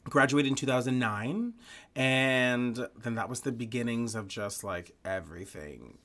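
Interview guest, man in his thirties from the Bahamas, mid-pitched, lively and chatty, theater basement. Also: measured pace. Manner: animated, chatty, frequent "like" and "you know what I'm saying". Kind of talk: casual interview chat.

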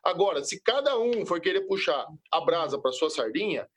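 A councilman lays out his argument in an explanatory, emphatic way. His voice is fairly high and somewhat husky. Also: big pitch swings, normal speed. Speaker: city councilman. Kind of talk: council speech.

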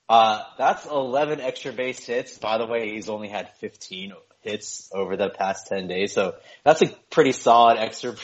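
A man with a lowish voice co-hosts a podcast, talking eagerly and cracking small jokes. His delivery is casual and chatty. The recording sounds dull and lo-fi. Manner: enthusiastic, chatty, jokes and self-censors. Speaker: podcast co-host.

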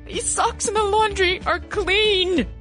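A woman performs an exasperated mom in a parody commercial. Her very high, piercing voice is bright and sharp as she complains sarcastically over faint music. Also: steady tone, slow, heavily acted. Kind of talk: comedic ad parody acting.

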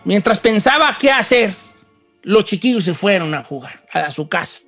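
High-voiced man telling a legend. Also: moderate pace, soft background music. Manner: animated, folksy with chatty asides. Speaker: storyteller host. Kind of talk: casual spoken legend telling.

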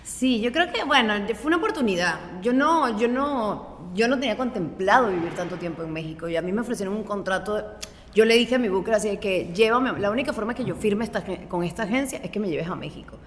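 A Venezuelan-accented woman in her late twenties talks as an interview guest, loose and chatty with plenty of filler words. Her voice sits at an ordinary middle pitch. A long reverb trails behind her. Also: animated, quick pace, a little hiss or hum. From Maracaibo, Venezuela. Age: late 20s. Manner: chatty, leans on "o sea, como que" fillers. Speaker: guest, blogger. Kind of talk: casual interview chat.

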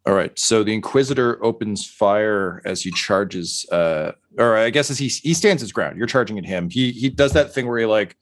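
A man narrating as game master of a tabletop game, halting with many fillers. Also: on the low side.

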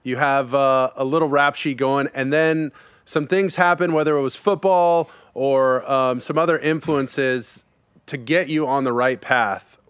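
A man hosts a casual podcast interview with friendly, chatty energy. His voice sits in a middle pitch and sounds dry and close, with no room around it. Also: a little slow, a bit bright, clear, resonant tone, dry recording. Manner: upbeat, chatty, friendly questioning. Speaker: podcast host.

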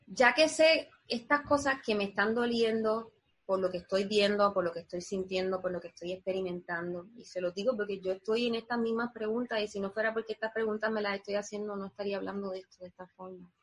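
A woman's voice: mid-range voice, steady tone, quick pace, slightly rough. A woman guest in a conversational interview, talking earnestly and reflectively, explaining things step by step.

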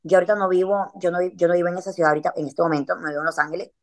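A woman's voice: fairly low pitch, fairly even intonation, very fast. A woman, chatting casually as a podcast guest and telling a story in a slangy way, with frequent filler words.

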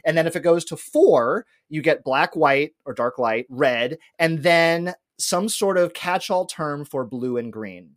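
Animated and a little high-pitched, a man co-hosting a podcast walks through a trivia segment at a measured pace with hardly any pauses. His delivery is casual and rambling, lecturing in detail with lots of fillers and restarts. No room sound is present.

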